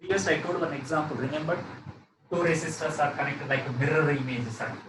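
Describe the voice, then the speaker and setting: A man with a South Indian accent teaches a live physics lesson, working through problems while questioning a student, repeating phrases and often tagging them with "okay." His voice is on the high side, steady in tone, and a little fast. The recording has roomy echo, a distant mic, and a noisy background.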